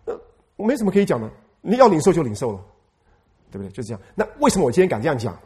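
Animated male pastor preaching. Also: fairly high pitch, racing. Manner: emphatic, repeats phrases, asks the congregation questions. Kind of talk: lively sermon.

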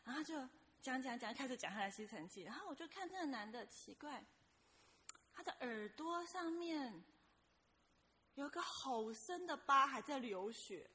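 A woman sharing a testimony at church in a casual, lively storytelling way, acting out the voices of the people in her story. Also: sits high, normal speed, slight background noise.

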